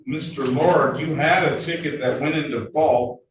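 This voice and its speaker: A man presiding as judge in a courtroom recording of a video-call hearing, brisk and procedural, reading case numbers out slowly. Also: a little high, steady tone. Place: judge's meeting room. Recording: echoey room, distant mic, faint hiss.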